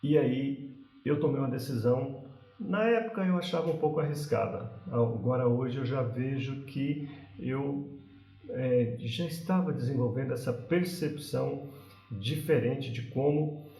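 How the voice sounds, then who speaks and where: A man's voice: medium pitch, measured pace, warm tone. A man in his forties with a Brazilian Portuguese accent, a parenting channel host telling a personal story in a casual, conversational way with frequent tag questions. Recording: roomy echo.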